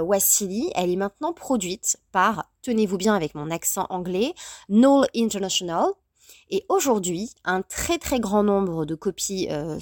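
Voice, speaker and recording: Female podcast host, casual solo talk with frequent hesitations, mid-pitched voice, close and dry recording. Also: no room sound. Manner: chatty, many fillers.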